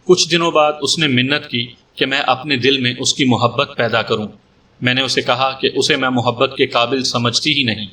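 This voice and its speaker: A man's voice: mid-range voice, fairly even intonation, bright, forceful tone, recorded from a distance, lightly acted. A man reading the part of a young woman making a frank, defiant statement to a police officer, in a story reading.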